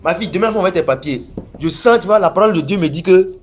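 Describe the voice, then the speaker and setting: A fervent, shouting preacher, as a man puts him on, pushing his voice high above its usual level. The sermon rings out in a bright, strained, insistent cadence, swinging in wide leaps of pitch. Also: animated, fast, a little hiss or hum. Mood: prophesying. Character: loud fervent male preacher soliciting donations.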